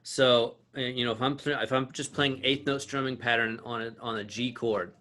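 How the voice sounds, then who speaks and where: A man's voice: mid-range voice, steady tone, moderate pace, bright, forceful tone. A man teaching an online acoustic guitar lesson, explaining with restarts and fillers and counting beats aloud while he plays. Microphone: video call.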